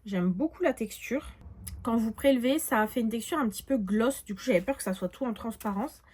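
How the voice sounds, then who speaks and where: Chatty young woman vlogger, slightly high voice. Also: fairly quick, a little mellow, breathy edge. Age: 20s. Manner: chatty, frequent "euh" fillers and "du coup". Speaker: beauty vlogger. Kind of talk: casual haul vlog, showing products.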